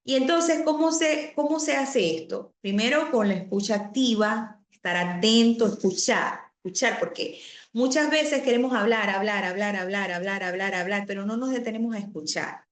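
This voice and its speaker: A woman's voice: medium pitch, moderate pace. Woman teaching an online class. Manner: explanatory, repeats key words, frequent "o sea" asides. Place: home or office on a video call. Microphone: computer mic on a video call. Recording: roomy video call audio.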